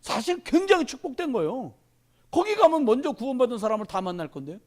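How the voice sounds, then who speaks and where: Lively high-voiced male pastor preaching. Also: fast. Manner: animated preaching, addresses congregation directly. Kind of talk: sermon. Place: church.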